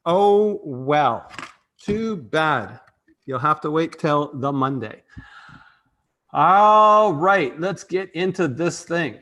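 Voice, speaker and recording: A man's voice: fairly high pitch, expressive, slow pace, fairly bright tone. A man hosting a live marketing show, upbeat and joking in casual chat. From Canada. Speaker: podcast host.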